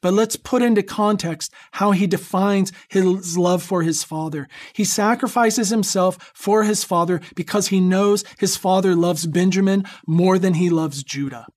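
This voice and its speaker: A man giving a reflective lecture on scripture in a measured, earnest way, pausing for emphasis. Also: sits high, darkish tone.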